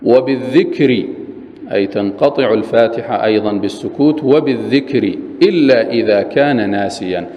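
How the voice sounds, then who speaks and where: A man teaching religious rules in a steady, explanatory way, repeating key terms and quickly reciting examples. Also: medium pitch, long reverb tail. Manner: plain, steady explanatory delivery with frequent clarifications. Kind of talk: explaining prayer rules in a lesson.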